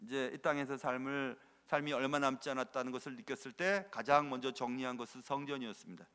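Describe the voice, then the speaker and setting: A man's voice: medium pitch, quick pace, a bit bright, clear, resonant tone. A man pastor preaching a sermon in a church sanctuary, talking emphatically and piling on repeated filler words. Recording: reverberant church hall.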